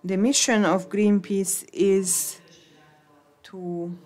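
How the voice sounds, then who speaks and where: A woman interpreting conference talks into English, halting, with many hesitations and restarts. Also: mid-range voice, little pitch movement, a little mellow.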